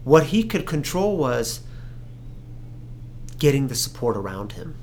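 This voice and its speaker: A man hosting a podcast, talking casually and reflectively in a halting, thoughtful way. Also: mid-range voice, sing-song, a little mellow, a little hiss or hum. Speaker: podcast host.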